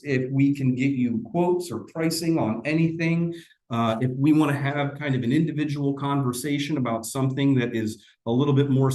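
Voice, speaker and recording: A man's voice: medium pitch, darkish tone, reverberant. A man giving a casual, conversational sales presentation in a webinar, often restarting his sentences.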